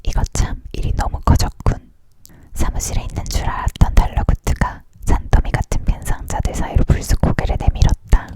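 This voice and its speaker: This is an intimate ASMR story reading, with a person whispering close to the listener and voicing narration and dialogue alike without full voice.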